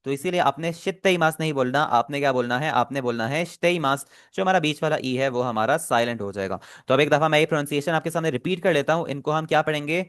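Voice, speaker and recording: A man's voice sits a little higher than most men's and sounds dry and close to the mic. He teaches Japanese in an online class. He is patient, and he repeats each phrase slowly and carefully so the students can copy it. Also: smooth, no echo.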